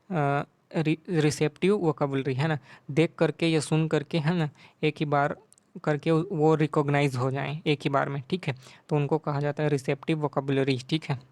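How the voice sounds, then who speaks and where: A male teacher explaining exam questions in Hindi, reading the English questions slowly and adding tag questions as he goes. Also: fairly high pitch, darkish tone, no room sound.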